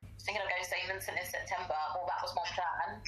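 A woman in casual group chat, heard through a thin, tinny laptop microphone with no bass. She talks in an easygoing, explanatory way. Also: steady tone, fast talker, a bit bright, faint music behind. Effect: thin, tinny laptop sound with no bass. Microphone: laptop microphone on a remote call. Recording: tinny, echoey laptop call audio.

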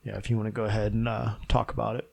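A man's voice: on the low side, flat delivery, rapid-fire, creaky, no echo. A man with a nasal, congested voice, hosting a casual podcast chat. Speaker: podcast host.

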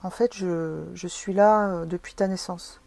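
A woman voicing a calm, peaceful female spirit who speaks gently and soothingly. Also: fairly low pitch, unhurried.

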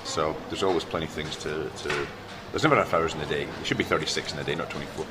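A man's voice: a bass voice, fast talker, very noisy. A man who works as a personal trainer, talking about his job in a chatty, plainspoken way with some ums. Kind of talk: interview answers.

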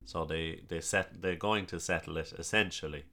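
A man with a lilting, musical Kerry Irish accent, chatting and telling stories in a halting way, often repeating words. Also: deep voice, fairly even intonation, pushed and bright. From County Kerry, Ireland. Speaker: storyteller, podcast guest. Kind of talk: casual chat, storytelling.

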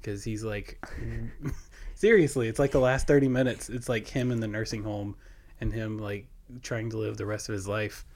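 A man's voice: lowish voice, steady tone, normal speed, a little mellow, a little hiss or hum. A young man hosting a podcast in casual chat, rambling with lots of fillers and laughing often. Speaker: podcast host.

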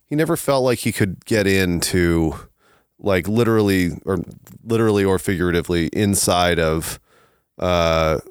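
Co-host, male, lowish voice, rambling and profane, dry close mic. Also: moderate pace, smooth, no echo. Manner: rambling, laughing, swears freely. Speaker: podcast co-host. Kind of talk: casual chat.

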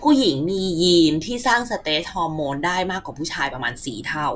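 A woman co-hosting a casual science chat, telling stories in a lively way and explaining facts as she talks. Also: low voice, quick pace, a little hiss or hum. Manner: lively storytelling, acts out her own reactions.

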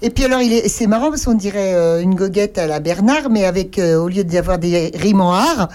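A woman's voice: mid-range voice, expressive, fairly quick, a little mellow. Female co-host, wry and rambling, casual radio chat.

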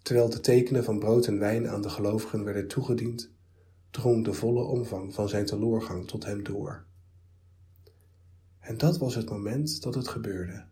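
Low, mellow-voiced male storyteller. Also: fairly even intonation, moderate pace. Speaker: narrator. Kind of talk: scripted story narration.

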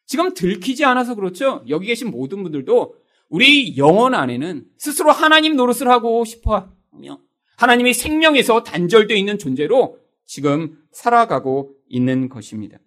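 Man, pastor, sermon, high voice, very animated pitch, questions to the congregation. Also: normal speed. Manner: addresses the congregation directly with rhetorical questions; acts out everyday excuses in quoted voices.

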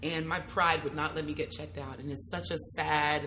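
A young adult woman, a travel content creator, talking casually as an interview guest, lively, slangy and quick to laugh. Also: deep voice, a little hiss or hum. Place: at a travel festival.

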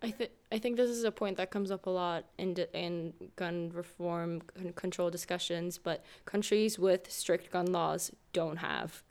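A woman's voice: lowish voice, steady tone, measured pace, few pauses, a little mellow. A woman on a student panel in a casual discussion, tripping over her first words as she starts.

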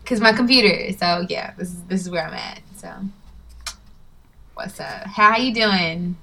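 A woman with a bright, forceful voice co-hosts a casual chat show. She is playful and slangy, and her voice carries the cave-like echo of a small room at home. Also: on the low side, a little slow. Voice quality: echoey, cave-like room sound. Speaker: podcast co-host. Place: echoey small home dining area used as workspace.

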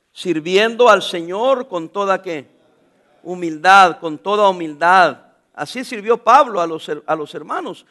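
A middle-aged man preaching a sermon, calling out to the congregation and reading scripture aloud with them. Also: high voice. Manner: animated preaching, calls out to the congregation; reads scripture slowly with the congregation. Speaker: pastor.

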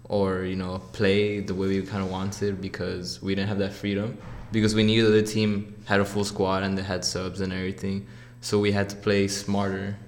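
Young male college student guest, laid-back and rambling, low and even-toned. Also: normal speed, few pauses. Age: 20s. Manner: relaxed, rambling, laughs easily. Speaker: guest, college soccer player. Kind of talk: casual interview chat.

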